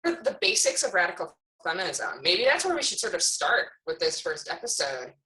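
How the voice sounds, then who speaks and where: A woman in her thirties with a low but bright, forward voice talks casually with lots of fillers on a podcast. She is on a remote call over Wi-Fi, so her audio keeps breaking up and dropping out. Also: huge pitch swings, reverberant, poor audio. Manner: quick, filler-laden talk. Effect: choppy, breaking-up internet call audio. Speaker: podcast co-host. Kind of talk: casual chat.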